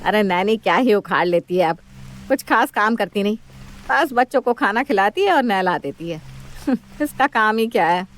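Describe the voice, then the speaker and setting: A woman voicing a bossy, sharp-tongued elderly mother-in-law in a storybook cartoon. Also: medium pitch, lively intonation, moderate pace, close to an everyday voice. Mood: taunting.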